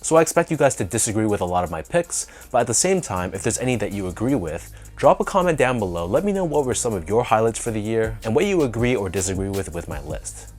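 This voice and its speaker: A Canadian man hosting a sneaker review video, sounding nasal from a sinus infection, talking in a relaxed, enthusiastic way with drawn-out emphasis. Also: fairly low pitch, soft background music. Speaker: sneaker channel host. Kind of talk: casual review talk to camera.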